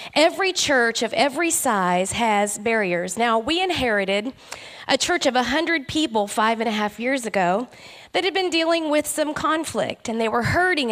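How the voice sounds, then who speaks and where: A woman's voice: fairly high pitch, fairly bright tone. A woman preacher giving a conference talk, earnest, with rhythmic lists.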